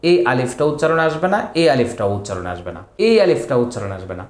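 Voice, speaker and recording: A man teaching Quran recitation. He spells out letters and vowel marks slowly, chants the verses, then explains the rules in quick asides. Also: mid-range voice, very animated. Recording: echoey room.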